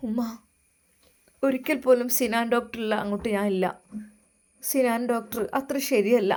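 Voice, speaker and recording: A woman's voice: a little high, fairly even intonation, normal speed, a little mellow, lightly acted. A woman voicing a young wife, tearful and defiant, refusing in raised, emphatic lines. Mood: desperate.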